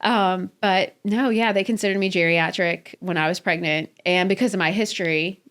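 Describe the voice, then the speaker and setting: A woman's voice: lowish voice, normal speed. Chatty woman in her thirties, laughing often. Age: 30s. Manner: animated, laughs often between sentences. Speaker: podcast guest. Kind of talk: casual storytelling conversation.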